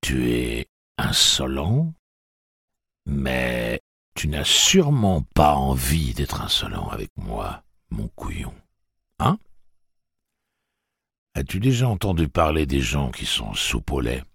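A man's voice: very deep voice, wildly swooping pitch, takes it slowly, vocal fry, pauses often, a bit bright, breathy edge, no echo, clean studio sound, heavily acted. A man reading an audiobook, voicing a sadistic male gang boss who sneers and makes mocking threats. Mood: menacing. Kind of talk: audiobook character voice.

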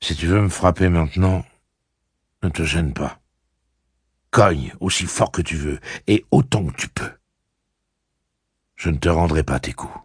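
A man reading an audiobook and voicing a loyal, warm-hearted young man who speaks earnestly and emotionally. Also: low voice, slightly rough, dry recording, studio quality, heavily acted.

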